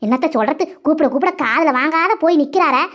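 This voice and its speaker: A woman's voice: sits high, quick pace, fairly bright tone, muffled recording. A woman, voicing quarrelsome, gossiping village women in a cartoon comedy.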